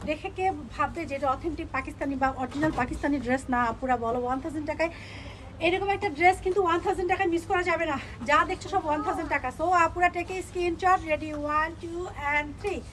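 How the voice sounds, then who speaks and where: A young woman selling clothes on a live stream, pitching each dress with pushy repetition and English words mixed in. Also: steady tone, quick pace, a bit bright, a little hiss or hum. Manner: repeats phrases, pushy upbeat selling, mixes English words. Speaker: online clothing seller.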